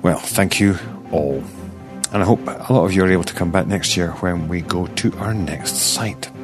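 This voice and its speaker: A man's voice: low-pitched, normal speed, over music. A man with a Scottish accent hosting a podcast news roundup, reading stories with playful asides and self-deprecating jokes.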